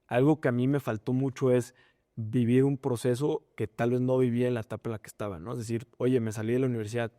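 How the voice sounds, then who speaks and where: A young man with a Mexican accent, a startup founder talking through a relaxed, reflective interview with many fillers. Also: mid-range voice, fast talker, no echo, clean studio sound. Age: young adult. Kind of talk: casual interview conversation.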